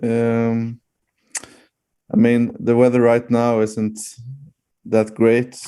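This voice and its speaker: A man's voice: medium pitch, completely flat delivery, drawn-out words, mellow, clean tone. A man with a Swedish accent chatting casually as an interview guest, hesitant and often searching for words. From Sweden.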